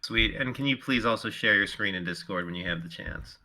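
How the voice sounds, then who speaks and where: A man's voice: fairly low pitch, fairly quick, sharp tone. A man co-casting a live strategy game tournament, analytical and talking with lots of "like" and "uh". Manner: analytical, filler-heavy, with many "like" and "uh". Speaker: co-caster.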